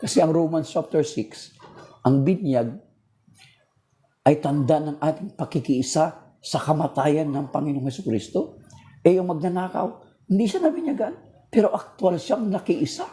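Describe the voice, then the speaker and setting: A man with a mellow, dark voice teaches about faith from his house. He talks earnestly and circles back to drive each point home. His voice sounds strained. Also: fairly high pitch. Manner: earnest, repeats key points for emphasis. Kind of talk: informal religious teaching.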